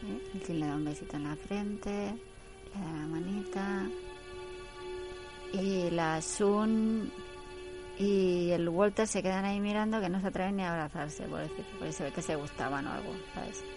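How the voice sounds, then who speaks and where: A woman's voice: fairly low pitch, moderate pace, over music. A woman giving casual, teasing running commentary on a TV episode. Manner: chatty, teasing, laughs often.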